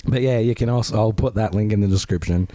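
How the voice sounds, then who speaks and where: A man with a hoarse, grating, strained voice, chatting casually as a podcast co-host. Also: on the low side, quick pace, warm tone, dry recording. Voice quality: grating, rough. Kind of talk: casual chat.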